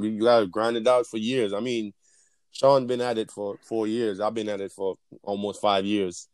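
A man's voice: fairly low pitch, a little mellow, no echo. A man chatting casually as a co-host answering questions, in a slangy, sweary frat-bro way with repetitive, emphatic phrasing. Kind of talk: casual unscripted chat answering listener questions.

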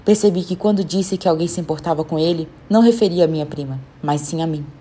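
A woman narrating a story in the first person, reading it aloud with lively voiced dialogue. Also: low-pitched, quick pace, slightly rough.

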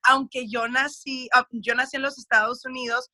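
Una mujer criada en Estados Unidos con acento mexicano muy marcado, conversando en una entrevista de forma expresiva y franca, mezclando algunas palabras en inglés. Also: female voice, high voice, normal speed, dry recording. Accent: Mexican Spanish. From United States. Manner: expressive and talkative, mixing in English words; candid, speaks of her faith. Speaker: guest. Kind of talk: casual interview chat.

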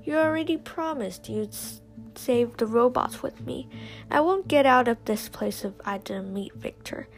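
Brief: woman reading a fierce girl hero, firm and scolding, slow delivery. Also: a little high, soft background music. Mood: determined. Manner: determined, scolding. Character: fierce bossy girl adventurer.

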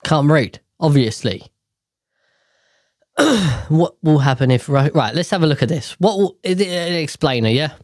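A man's voice: on the high side, animated, a little slow, darkish tone, no echo. Rambling man, dry close sound. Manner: rambling, irreverent, swears, stumbles over words when reading. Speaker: podcast host. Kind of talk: casual chat while reading news aloud.

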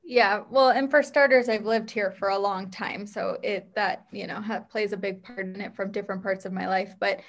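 Higher-voiced woman in casual podcast chat. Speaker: podcast co-host.

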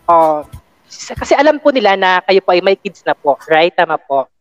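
A woman's voice: fairly low pitch, sing-song, moderate pace. A woman co-hosting a casual chat show, politely reading out viewer questions. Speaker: co-host. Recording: dull lo-fi sound.

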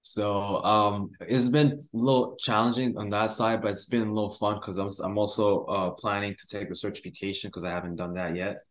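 Low-voiced young man, hesitant. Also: level tone, fairly quick, few pauses. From Rwanda. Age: young adult. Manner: hesitant, many "uh" and "like" fillers. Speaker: guest, university student. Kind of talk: casual interview answers.

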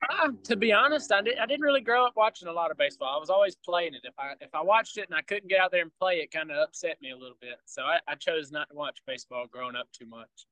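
A man's voice: fairly high pitch, fast talker, few pauses, pushed and bright, no echo, poor audio. A young man from Georgia with a Southern country accent, chatting as a podcast guest and telling laid-back stories with frequent chuckles. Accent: Southern US, rural Georgia. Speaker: podcast guest, baseball player. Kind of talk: casual interview chat.

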